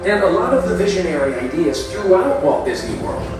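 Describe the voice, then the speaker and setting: A woman's voice: on the low side, very animated, fairly quick. A woman playing an upbeat, chatty space-age tour guide, narrating a ride with playful enthusiasm. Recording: very echoey distant ride speakers, loud music.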